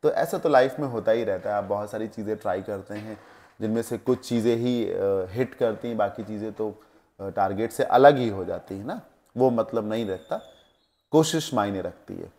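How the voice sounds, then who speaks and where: A man's voice: fairly low pitch, normal speed, a little mellow. Indian man teaching English vocabulary. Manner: explains word meanings with Hindi glosses, asks checking questions. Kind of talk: classroom vocabulary lesson.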